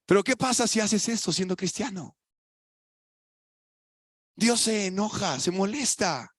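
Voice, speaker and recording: A young man preaching with a Mexican Spanish accent, his voice pitched high for a man. He talks to the congregation in a casual, colloquial way, firing off rhetorical questions and dropping from loud emphatic lines into quiet asides. The sound is dry and close. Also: expressive, unhurried, husky, dry recording. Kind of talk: sermon. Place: church.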